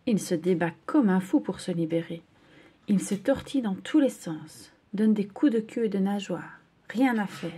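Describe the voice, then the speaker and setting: Gentle expressive story reader, woman, mellow tone. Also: mid-range voice, husky. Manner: gentle, expressive read-aloud. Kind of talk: children's story reading.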